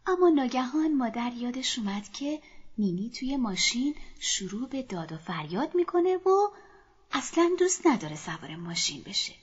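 A woman narrating a children's story in a soft, often half-whispered voice, speaking to children, in a dull lo-fi recording. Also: on the high side, sing-song, breathy edge.

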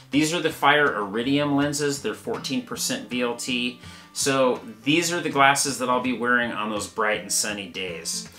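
A man's voice: medium pitch, pushed and bright, reverberant. A man hosting a fishing channel, explaining gear in a plain, practical, step-by-step way. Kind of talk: gear review talk to camera.

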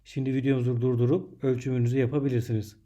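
A man narrating a scripted primary school lesson, dictating in measured, separated phrases as a teacher does for young pupils. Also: medium pitch, little pitch movement, warm tone, muffled recording.

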